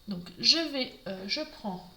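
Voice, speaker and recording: A woman's voice: mid-range voice, animated, slow pace, pushed and bright, a little hiss or hum, poor audio. A woman giving a live craft demonstration, talking through each step and greeting viewers as she works.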